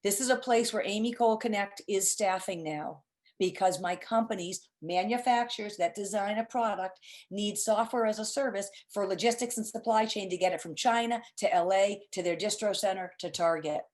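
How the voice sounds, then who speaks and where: A woman's voice: medium pitch, normal speed, a little mellow. Chatty, emphatic middle-aged woman hosting. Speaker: host, presenter. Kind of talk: informal webinar presentation.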